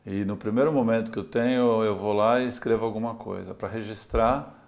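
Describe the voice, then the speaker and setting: Here the sailor from Santos, Brazil, talks fairly quickly in a lowish, darkish voice with vocal fry and a steady tone. The adventurer shares reflective stories in a relaxed interview, punctuated by small laughs and "né?".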